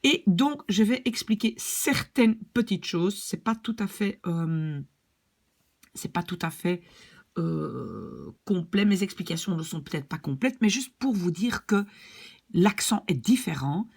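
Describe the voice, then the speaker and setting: Lively Belgian woman explaining casually. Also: lowish voice, unhurried, creaky, slightly rough. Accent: Belgian French. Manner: chatty, explains with examples and asides. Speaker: Dutch language teacher.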